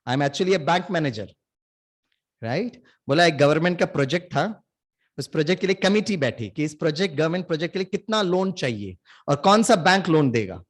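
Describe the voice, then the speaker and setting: A man from India delivers a motivational spiritual talk, leading his listeners through call-and-response and lively storytelling. His voice sits fairly high for a man. He drifts easily between his own language and English phrases as he speaks.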